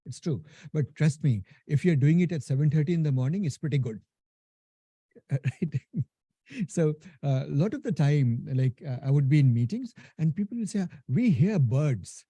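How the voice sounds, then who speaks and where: This instructor's fairly high, dark voice is expressive and breathy-edged, at a moderate pace, in a dry recording. Thickly Indian-accented and from India and Nepal, he teaches a live technical class casually, addressing everyone as "guys," asking "right?" often and restarting his sentences.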